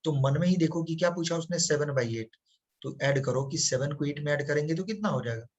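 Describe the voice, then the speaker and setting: A man's voice: a little high, fairly quick, dull audio. A man teaching a maths lesson. He asks the students questions and answers them himself, calling them "beta". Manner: calls the listener "beta", coaxing.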